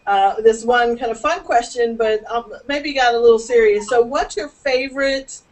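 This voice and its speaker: A woman's voice: on the high side, moderate pace, darkish tone, far from the mic, rough recording. Chatty woman hosting a video call. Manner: chatty, laughs often, many restarts. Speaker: host. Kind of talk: casual video call chat.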